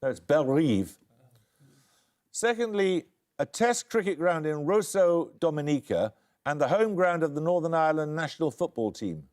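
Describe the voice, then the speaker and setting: A man hosting a quiz show, reading questions crisply and giving dry, wry introductions. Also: fairly high pitch, animated, moderate pace, a little mellow. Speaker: quizmaster.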